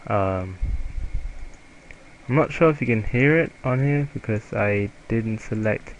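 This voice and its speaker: Man, German accent, slow halting tutorial delivery, gravelly low voice, faint hiss behind. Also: muffled recording. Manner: halting, self-correcting, hesitant. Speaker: student presenter. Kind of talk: screen-recorded software tutorial.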